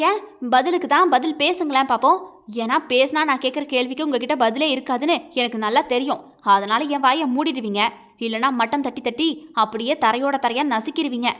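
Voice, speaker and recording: A woman's voice: high-pitched, dull audio. A woman reading a bitter defiant young wife. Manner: sharp, bitter, arguing back.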